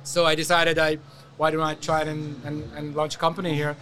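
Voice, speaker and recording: A man's voice: on the high side, completely flat delivery, fairly quick, a bit bright, faint music behind. A middle-aged man from Hungary with a Hungarian accent, answering questions conversationally as an interview guest. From Hungary, partly raised in Algeria. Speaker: podcast guest, event design entrepreneur.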